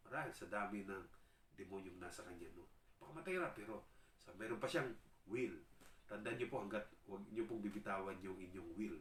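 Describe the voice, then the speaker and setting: A man's voice: on the low side, fairly bright tone, a little hiss or hum. Filipino man preaching, far-off echoey mic. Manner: Taglish preaching, earnest, frequent tag questions. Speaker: pastor. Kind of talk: sermon.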